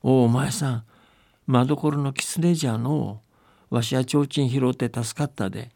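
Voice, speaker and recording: A man doing a gruff old country grandpa. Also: medium pitch, measured pace, a little mellow, dry recording, clean studio sound. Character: old male charcoal burner, rustic.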